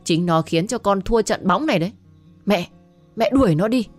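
Narrator putting on a sloppy drunk gambler son, whiny and selfish, in an audio story. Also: female voice, medium pitch, expressive, moderate pace, faint music behind, voice pushed up, close to an everyday voice. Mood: spiteful. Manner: slurred, whiny, demanding.

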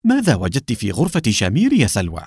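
A calm, clever young policeman in a spoken novel, composed and polite in a mid-pitched male voice, as the male narrator reads him. His intonation stays lively, and the recording is close and dry. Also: fast talker, slightly rough, dry recording, exaggerated voice. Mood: curious.

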